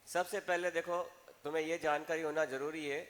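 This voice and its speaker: A man's voice: on the high side, flat delivery, brisk, a bit bright, in a large hall. A male teacher lecturing a classroom in Rajasthani-accented Hindi, coaxing and scolding students with questions to the class.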